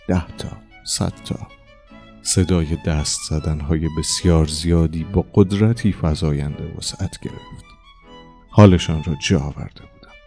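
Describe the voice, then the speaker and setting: Deep gravelly male story narrator. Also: warm tone. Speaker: audiobook narrator. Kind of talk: dramatic first-person story reading.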